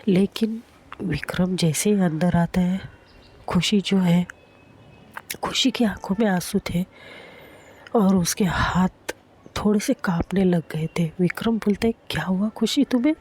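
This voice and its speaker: Husky woman telling a story. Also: on the low side, slow, long pauses, a little mellow. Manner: conversational, with repeated filler words. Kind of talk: casual storytelling narration.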